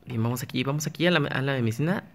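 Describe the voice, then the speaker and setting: A man's voice: mid-range voice, rapid-fire, a bit bright, slight background noise. A man giving casual gameplay commentary, chatting to himself and his viewers as he plays, often restarting his sentences. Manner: chatty, talks to himself while playing, frequent restarts. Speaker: gaming YouTuber.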